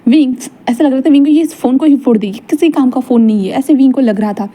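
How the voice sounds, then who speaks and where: A woman's voice: high voice, fast, mellow. A woman casually retelling a fan-fiction story in a chatty way, with frequent "and then" links.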